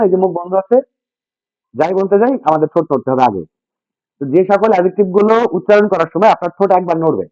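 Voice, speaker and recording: Here the teacher's voice sits high and a little mellow, with no echo around it. He runs an English grammar lesson in call-and-response form, restating the main points and asking the class questions. The sound is dry, dull and lo-fi.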